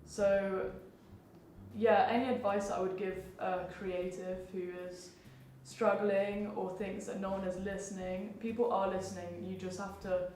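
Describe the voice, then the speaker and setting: A woman's voice: medium pitch, flat delivery, a little slow, darkish tone, a little hiss or hum. Twenty-something woman in an echoey room. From Singapore and Hong Kong. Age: 20s. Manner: thoughtful, searching for words. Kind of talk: casual reflective interview.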